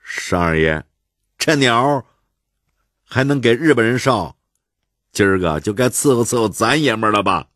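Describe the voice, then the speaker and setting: A man's voice: medium pitch, lively intonation, moderate pace, pauses often, fairly bright tone, no echo, studio quality, pitched above the performer's own voice, close to an everyday voice. A man with a Beijing accent voicing a swaggering, insolent Beijing bully. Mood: cocky. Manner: insolent and cocky.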